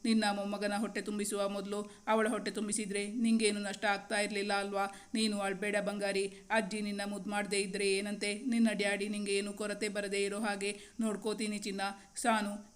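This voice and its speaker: A woman voicing a tender, protective young father in a storybook reading, talking softly in a doting, even tone. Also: medium pitch, lightly acted.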